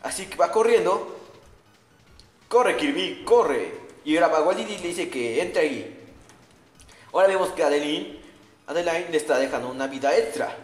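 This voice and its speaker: A man's voice: a little high, lively intonation, brisk. Slangy young man, echoey room. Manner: crude, slangy, mocking. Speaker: parody narrator. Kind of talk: casual comic game narration. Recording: echoey room with long reverb, faint music. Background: faint music.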